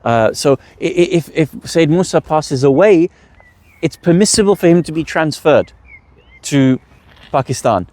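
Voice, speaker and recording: A man runs a religious workshop as an explanatory teaching talk, laying out rules and posing rhetorical questions to the audience that he then answers. His voice is a little high, expressive and darkish, his pace slightly slow, with no room sound.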